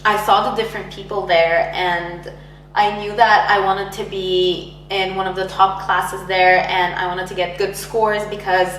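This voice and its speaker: A young Egyptian woman speaks casually in an oral history interview, laughing lightly and using lots of filler words. Her medium-pitched voice is a little slow and fairly bright, with little pitch movement, and the recording has a roomy echo, a distant mic and faint hum.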